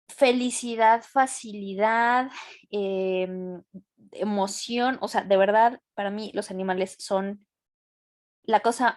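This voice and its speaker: A young adult woman with a Mexican accent hosting a casual class, talking with enthusiasm and plenty of slang. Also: fairly high pitch. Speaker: host of a membership session.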